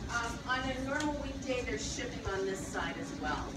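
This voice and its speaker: Inside a big indoor warehouse, a woman gives an informal tour and explains things as she goes. Her slightly high voice is expressive and moves at a moderate pace. A distant microphone captures her amid echo, noise and loud warehouse ambience.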